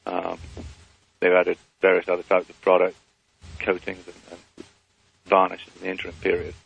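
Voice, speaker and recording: A man's voice: low voice, monotone, moderate pace, gravelly, fairly bright tone, slightly rough, muffled recording. A man as a guest on a phone interview, speaking hesitantly with many fillers, his phone held away from his mouth so he sounds faint and distant.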